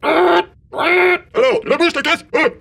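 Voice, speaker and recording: A man voicing a male TV comedian who talks through a cardboard tube, with a hollow, gravelly sound and a silly manner. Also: very high-pitched, fairly even intonation, slow, a bit bright, voice pushed up, heavily acted. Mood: goofy.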